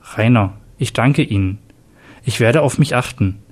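Give me a man playing a shaken young detective, earnest and subdued, with a mellow voice. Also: mid-range voice, measured pace, breathy edge.

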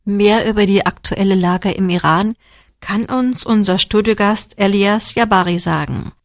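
A woman's voice: medium pitch, unhurried. Woman host asking guiding questions. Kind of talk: interviewing a studio guest.

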